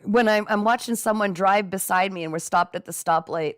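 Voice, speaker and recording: A woman's voice: medium pitch, fairly quick, dry recording. Chatty middle-aged woman, dry close sound. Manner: chatty and encouraging, frequent laughs, talks straight to viewers as "guys". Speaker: livestream host and psychic reader. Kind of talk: casual live-stream chat, reading viewer comments. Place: at home with her dogs.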